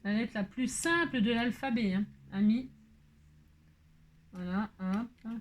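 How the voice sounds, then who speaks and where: A woman's voice: on the high side, takes it slowly. Chatty woman doing a craft tutorial. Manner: chatty, self-mocking, laughs often, many fillers. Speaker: craft video host. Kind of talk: casual crafting tutorial chat.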